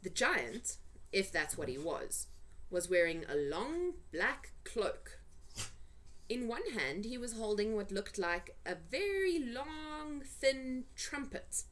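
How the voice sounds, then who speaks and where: Reading to her family, this woman narrates a children's story slowly and with great animation, her voice sitting on the high side. She's an amateur, but her delivery is expressive and suspenseful, leaning hard on emphasized words.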